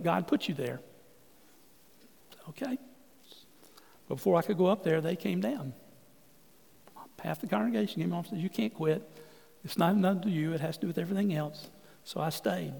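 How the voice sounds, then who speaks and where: A man preaching a sermon, telling a folksy, animated story from the pulpit in a church sanctuary. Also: sits high, vocal fry, breathy edge. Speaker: pastor. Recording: long hall reverb.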